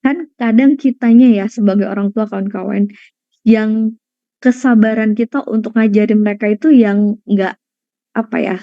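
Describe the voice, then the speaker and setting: A woman's voice: on the high side, no room sound. Conversational woman giving an online talk. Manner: conversational, addresses listeners as friends, slips in English words. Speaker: parenting counselor and speaker. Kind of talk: online parenting lecture. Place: indoors at home during a power cut. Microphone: video call. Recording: dull, lo-fi video-call audio.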